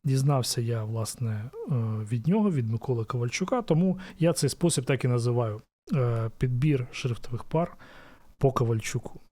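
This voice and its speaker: A man with a warm, expressive mid-range voice explains a design topic at a moderate pace in a casual lesson. As a design educator thinking aloud, he's thoughtful and leans on many "e" fillers and restarts.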